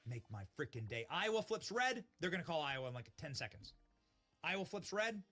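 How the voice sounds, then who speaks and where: A man hosting a live stream from a studio, his voice high and swooping wildly as he shouts over each new result. His tone is bright and sharp, and faint music plays behind him. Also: very animated, a little fast. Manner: loud, gleeful, shouting at the map. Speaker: live election-night stream host. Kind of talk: excited live commentary.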